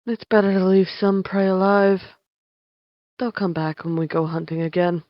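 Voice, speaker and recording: A woman playing a tabletop game, narrating her character's actions in halting bursts in casual role-play. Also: fairly low pitch, level tone, no room sound. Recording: dull lo-fi stream mic.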